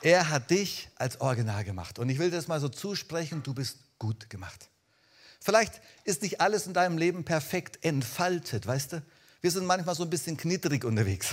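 A man preaching a lively sermon, talking straight to his listeners and swinging between loud calls and soft, hushed lines. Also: on the high side, brisk.

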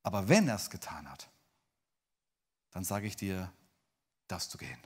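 A man preaching a sermon, addressing listeners directly and swinging from loud dramatic bursts to hushed, near-whispered lines. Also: sits low, sing-song, normal speed, slightly rough.

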